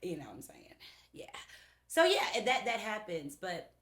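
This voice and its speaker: Animated bright-voiced woman in a roomy space. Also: mid-range voice, normal speed. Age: young adult. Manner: animated, emphatic, preachy, laughs often. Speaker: podcast co-host. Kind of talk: casual podcast chat. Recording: roomy echo.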